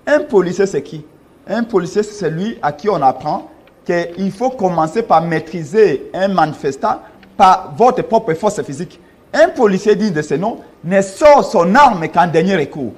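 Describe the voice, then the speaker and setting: A man's voice: high voice, lively intonation, moderate pace. A man from Congo, a political party official, defending his leader with insistent, emphatic argument in a studio interview. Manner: emphatic, argumentative, rising in force when insisting.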